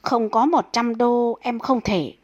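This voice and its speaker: A woman's voice: a little high, slow pace, darkish tone, no echo, dull audio, voice pushed up. A calculating young wife of a wealthy man, as a woman voices her, coy and matter-of-fact. Comic read-aloud story.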